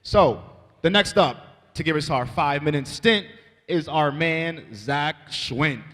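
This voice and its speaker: A man's voice: fairly high pitch, takes it slowly, fairly bright tone. A man emceeing a comedy show, introducing acts and making announcements in a loose, chatty way. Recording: reverberant hall with faint noise.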